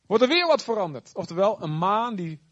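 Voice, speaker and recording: A man preaching a sermon in a lively, conversational way with chatty asides. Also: high voice, fairly quick, dull audio. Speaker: pastor.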